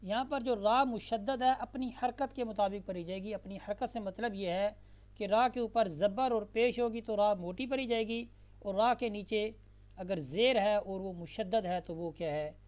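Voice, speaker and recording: A woman teaching a tajweed lesson. She moves between slow, drawn-out chanted recitation and brisk spoken explanation, and repeats words patiently for the learner. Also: medium pitch, darkish tone.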